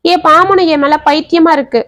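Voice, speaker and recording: A woman's voice: extremely high pitch, steady tone, a bit bright, voice pushed up. A woman voicing a shy young village woman hesitating to answer in a family tale. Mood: hesitant. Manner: hesitant, halting.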